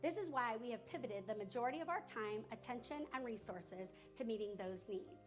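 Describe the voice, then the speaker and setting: A woman directing a nonprofit, narrating a promotional video in a measured, polished way. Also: fairly high pitch, soft background music.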